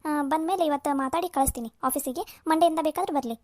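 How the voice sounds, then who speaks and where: Woman playing a lively cartoon daughter, high and fast. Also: no room sound, lightly acted. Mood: explaining. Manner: chatty, insistent.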